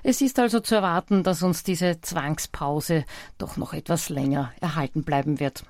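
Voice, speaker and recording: Low-pitched Austrian woman reading club bulletin. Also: normal speed, a little mellow, no room sound. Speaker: amateur radio bulletin presenter.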